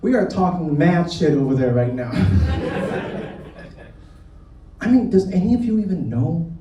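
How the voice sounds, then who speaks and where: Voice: mid-range voice, very animated, measured pace. A comedian born in Vietnam doing a live stand-up set, teasing the crowd and talking straight to them. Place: comedy club stage. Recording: roomy live club from far off, audience noise.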